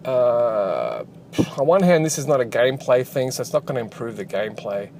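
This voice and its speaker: Aussie guy rambling about his game dev stuff while he drives, mid pitch, loud car noise. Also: big pitch swings, moderate pace. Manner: rambling, full of fillers and restarts. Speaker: game developer and channel host. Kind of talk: casual driving vlog. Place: inside a car while driving. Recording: road noise inside a moving car.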